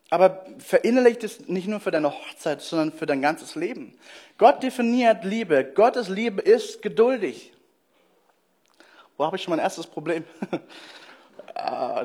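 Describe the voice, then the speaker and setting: A man giving a lively sermon to his congregation, talking casually and directly to his listeners and slowing down to quote scripture. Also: high-pitched. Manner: casual and direct, addressing the listener as "du" with frequent "hey"; slows down and drops his voice for quoted Bible verses. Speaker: preacher.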